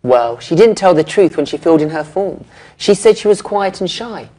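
Brief: young male co-host, casual, lively pitch, ums. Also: normal speed. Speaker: co-presenter. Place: indoor studio with brick walls.

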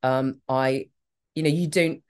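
Her voice is a rumbling low, a little mellow, with fairly even intonation. This middle-aged woman, from Australia but with a British accent, is a guest in a candid conversational interview, speaking emphatically and frankly and laughing readily.

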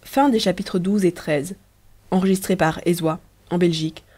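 A woman narrating an audiobook in an expressive, lively storytelling manner. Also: lowish voice, normal speed, husky. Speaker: audiobook reader.

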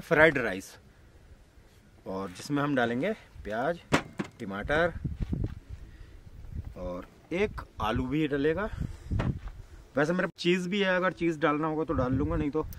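A man in his thirties chats casually to his viewers while cooking at an outdoor camp at night, calling them brother now and then. His voice sits at an ordinary, middle pitch. The open-air recording from a camera a few metres away carries a faint hiss and occasional clicks. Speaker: vlogger. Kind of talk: casual solo camping vlog. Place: outdoors at night beside a tractor caravan on a hilltop.

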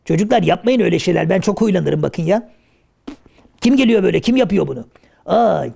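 A man voicing Karagöz, a cheeky, clumsy comic figure in a children's shadow puppet play, chattering excitably and crying out "ay". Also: sits high, fairly quick, gravelly, full character voice. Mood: puzzled. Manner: excitable and chatty, with lots of cries of "ay".

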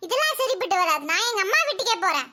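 A woman voicing a sassy sharp-tongued young wife. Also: extremely high pitch, very animated. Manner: sassy, insulting, quick retorts. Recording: loud background noise.

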